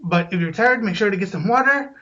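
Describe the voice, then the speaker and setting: A man's voice: high voice, animated, fairly quick, sharp tone. A man co-hosting a casual school live stream, speaking hesitantly with many ums. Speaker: co-host. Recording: dull, muffled sound.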